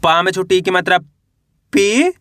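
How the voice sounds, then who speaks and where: A man teaching children to read, sounding out each syllable slowly and repeating every word as a question and answer. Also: high voice, expressive, fairly bright tone, dry recording. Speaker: Hindi reading teacher. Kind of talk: step-by-step spelling lesson.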